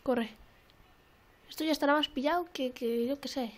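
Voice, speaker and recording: Excitable high-voiced young woman gamer. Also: normal speed. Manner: excitable, repeats phrases, swears often. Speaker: gaming YouTuber. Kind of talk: casual let's-play commentary.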